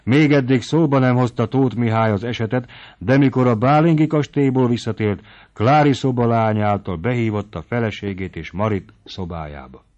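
A man reading a novel aloud in a steady, measured storytelling manner. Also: medium pitch, lo-fi sound. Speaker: audiobook reader. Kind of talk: scripted narration of a novel.

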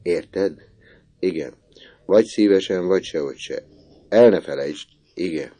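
A gruff, bossy older gentleman who booms his warnings and scolds freely, as a man reads him aloud. The voice sits low and dark underneath the raised bluster, and the storybook reading keeps it steady. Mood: stern. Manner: scolding, booming, mocking. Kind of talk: audiobook character reading.

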